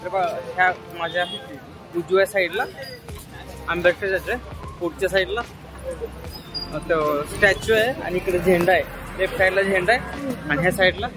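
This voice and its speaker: Casual male vlogger, high-pitched, rambling directions on a phone outdoors, music behind. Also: normal speed, long pauses, crowd noise, low-quality recording. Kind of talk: casual vlog narration. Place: outdoors in a city.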